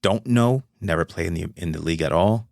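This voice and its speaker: Gravelly low-voiced man rambling on a podcast. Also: fairly quick, darkish tone, dry recording, studio quality. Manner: rambling, self-correcting, chatty. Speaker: podcast host. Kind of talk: casual solo podcast talk.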